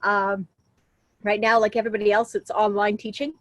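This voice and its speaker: A woman's voice: mid-range voice, flat delivery, brisk, no echo. A woman joining an online group discussion, chatting casually with many fillers. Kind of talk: casual chat on a video call.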